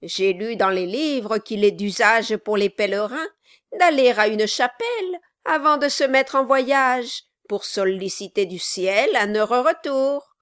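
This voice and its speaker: A woman reading aloud, voicing a sly male dwarf villain who swings between mock courtesy and high-pitched cries. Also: measured pace, fairly bright tone. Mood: smug. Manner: shifting high and low, falsely courteous. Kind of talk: audiobook reading.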